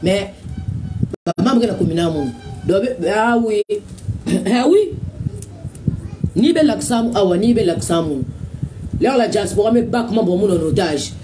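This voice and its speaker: A man's voice: high-pitched, expressive, unhurried, pauses often. A man with a Congolese accent, hosting a radio show in a rambling, repetitive monologue full of filler sounds. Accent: Congolese (Brazzaville). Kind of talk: casual commentary monologue. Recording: distant mic with a noisy background.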